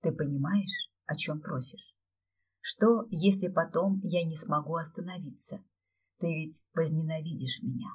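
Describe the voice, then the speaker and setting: A gentle, reserved man speaks in a soft, hushed, tender tone, as a woman reads him. The voice has a husky edge. The mic sits a little far away. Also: low-pitched, measured pace.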